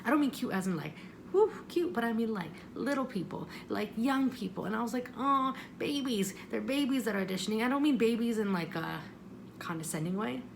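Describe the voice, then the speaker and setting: Speaking a little fast in a slightly high, creaky voice, a vlogger casually recounts her own story, rambling and expressive and quick to apologize or poke fun at herself. The recording sounds homemade, with slight background noise.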